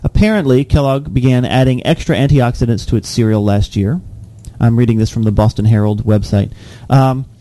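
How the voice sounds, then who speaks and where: A man's voice: medium pitch, fairly quick, mellow, dry recording. Joking young man reading news. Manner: joking, laughs often, reads headlines aloud. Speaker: podcast co-host reading tech news. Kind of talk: casual news chat.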